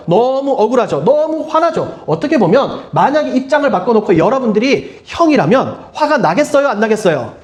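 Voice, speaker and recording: Lively, high-voiced pastor preaching to teens. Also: male voice. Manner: asks the listeners many questions and leads group reading. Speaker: pastor of a middle-school youth group. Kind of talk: youth sermon. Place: church hall. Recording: echoey room.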